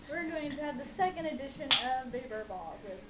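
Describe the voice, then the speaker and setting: A woman's voice: high voice, expressive, fairly quick. A woman chatting casually and playfully to camera as a host, giggly and teasing. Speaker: video host and burping contestant. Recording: echoey room, loud background noise.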